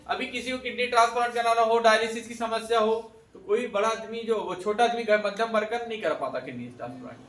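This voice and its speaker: A man's voice: high-pitched, fast talker, fairly bright tone. A man teaching a classroom, quizzing his students and repeating their answers back to them. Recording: echoey room, voice from a distance.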